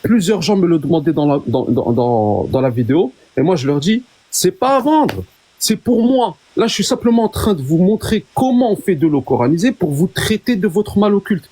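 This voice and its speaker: Soft husky guy on a livestream, slightly high voice, keeps repeating words to make his point. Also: big pitch swings, fairly quick, few pauses. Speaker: live stream guest. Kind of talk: casual explanatory debate.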